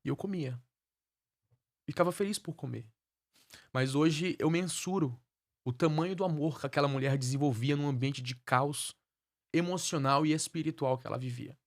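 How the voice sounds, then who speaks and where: A man's voice: a little high, moderate pace. A man, a guest minister, tells his life story as a testimony in a fervent preaching cadence and repeats phrases for emphasis.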